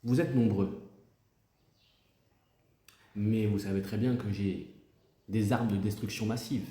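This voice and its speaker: A man plays a self-important president in a comic sketch. His voice is low and soft-edged, in a roomy echo. He is stern and insinuating, dressing up threats as diplomacy. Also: steady tone, slow. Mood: menacing. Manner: pompous, insinuating, mock-diplomatic. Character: stern, pompous human president scolding and threatening a rival.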